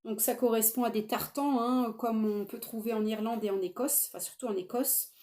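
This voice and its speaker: A woman's voice: on the high side, steady tone, moderate pace, dark tone. A middle-aged woman chatting enthusiastically to camera about knitting, with frequent fillers and restarts. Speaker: knitting podcaster. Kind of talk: casual chat to camera.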